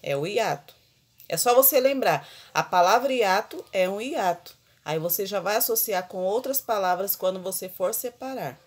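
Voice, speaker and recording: A woman teacher giving an online grammar lesson, explaining slowly and putting questions to the class. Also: medium pitch, expressive, slightly rough.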